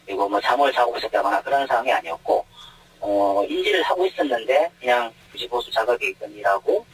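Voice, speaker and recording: An anonymous airport security guard, a man whose voice is disguised with deep pitch shifting, explaining things step by step and often starting with hesitant fillers. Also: big pitch swings, quick pace, creaky, husky, poor audio. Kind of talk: anonymous news interview answers. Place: connected to the studio from elsewhere.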